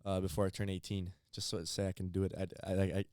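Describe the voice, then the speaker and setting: A teenage man co-hosting a podcast in casual chat, halting and repeating words as he thinks. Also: deep voice, flat delivery, darkish tone, clear, resonant tone, no room sound, clean studio sound. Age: teens. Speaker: podcast co-host.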